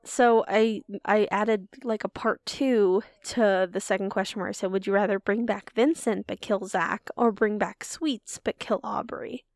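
A woman's voice: medium pitch, steady tone, a little slow, hardly any pauses, darkish tone, dry recording, studio quality. A young woman co-hosting a podcast, chatting casually and rambling a little with fillers. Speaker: podcast co-host. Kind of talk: casual chat.

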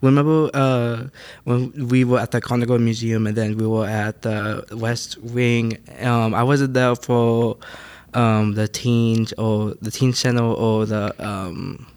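Young american guy, medium pitch, actor just chatting in a theater interview. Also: fairly even intonation, slow pace, a little mellow, smooth. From California, USA. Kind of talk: casual chat.

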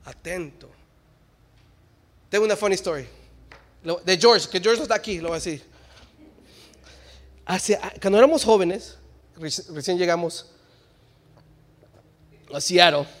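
Man, sermon, church, very high pitch, shouting and then joking softly. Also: measured pace, pauses often. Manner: swings between shouted exhortation and quiet joking asides. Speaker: preacher.

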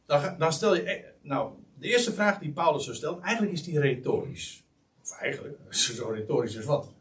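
A man's voice: fairly high pitch, lively intonation, normal speed, fairly bright tone, far from the mic, slight background noise. A man preaching a sermon, explaining a Bible passage with many restarts and fillers, then rising sharply on the words he stresses. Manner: emphatic, rises sharply on key words.

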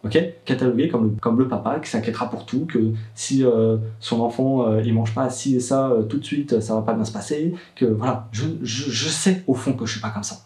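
A man's voice: medium pitch, brisk, hardly any pauses, dark tone, echoey room, recorded from a distance. A young man, a worried father, telling his story in a hesitant vlog monologue full of fillers and restarts. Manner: hesitant, many fillers and restarts, rising when upset.

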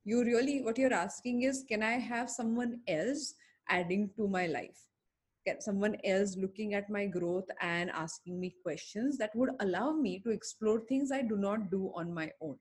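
Woman as a thoughtful coach, breathy husky tone, medium pitch, measured explanations. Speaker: coach giving advice. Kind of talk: conversational coaching.

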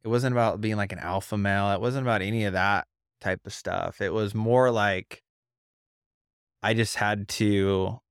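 A man answers reflectively in casual podcast conversation, thinking aloud and filling pauses with like as he feels for his words. His voice is fairly low, smooth and resonant. The recording is dry and close. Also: fairly even intonation, no room sound. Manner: reflective, searching for words with many likes.

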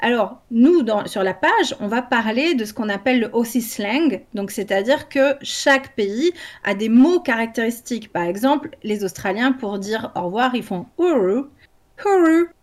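A woman's voice: fairly high pitch, lively intonation, moderate pace, hardly any pauses. A woman, co-hosting a casual discussion about a language-learning project, talking enthusiastically in long flowing runs.

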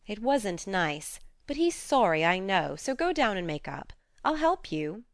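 Lady reading as a sensible tomboy teen girl, frank and coaxing, clean clear voice, audiobook. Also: mid-range voice, big pitch swings, measured pace, dry recording, clean studio sound. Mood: soothing, coaxing.

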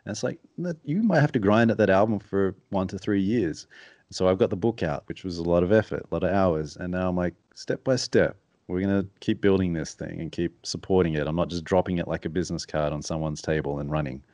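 A podcast guest who works as an author and strategist speaks in a very deep, low-pitched man's voice that comes out soft and mumbly. He talks quietly and reflectively in a casual interview, close to the mic, with a brisk delivery. The recording is dry and close, with no room sound around him.

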